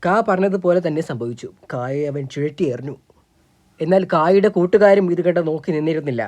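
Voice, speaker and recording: A narrator telling a cartoon story in a steady, dramatic storybook manner. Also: medium pitch, fairly quick.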